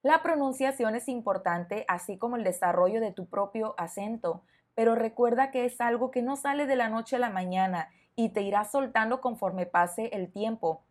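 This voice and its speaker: A woman's voice: on the high side, moderate pace. Encouraging woman teaching Spanish. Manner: clear, encouraging, speaks directly to the listener. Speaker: Spanish teacher, podcast host. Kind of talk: podcast lesson for learners.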